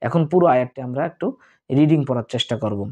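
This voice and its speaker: A man teaching Quran recitation in a Bangladeshi Bengali accent, chanting each word slowly and repeating it, then explaining quickly. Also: medium pitch, darkish tone. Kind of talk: slow recitation lesson with quick spoken explanations.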